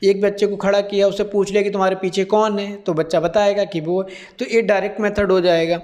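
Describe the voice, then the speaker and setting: A man with a high voice walks through a lesson plan like a teacher educator. He is methodical, goes one point at a time and keeps checking that his listeners follow. He is from India. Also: little pitch movement, a little fast, a little mellow. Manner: methodical, step by step, checks in with "theek hai".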